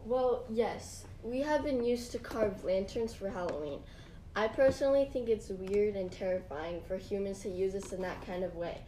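A woman's voice: mid-range voice, moderate pace, warm tone, slight background noise, natural voice, low-quality recording. A woman voicing an earnest, proud male rutabaga in a mock interview, giving matter-of-fact scripted answers. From Sweden. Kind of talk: mock interview role-play.

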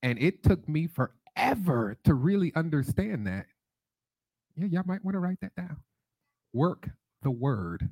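A man's voice: medium pitch, a little mellow, no echo, rough recording. A man with a Detroit accent preaching a sermon, leading call-and-response and telling stories. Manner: sings prayer lines, then teaches with call-and-response and storytelling.

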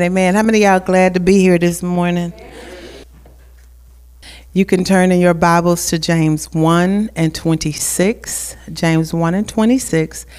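Woman preacher, pulpit microphone, unhurried delivery, lowish voice, call-and-response, repeats phrases. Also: darkish tone, smooth. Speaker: guest preacher. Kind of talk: church sermon with prayer. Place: church sanctuary.

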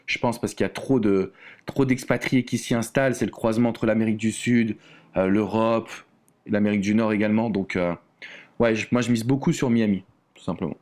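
A man's voice: on the low side, fairly quick. A man from France, a relationship coach, talking casually as an interview guest with plenty of fillers and restarts. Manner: relaxed, chatty, many fillers and restarts.

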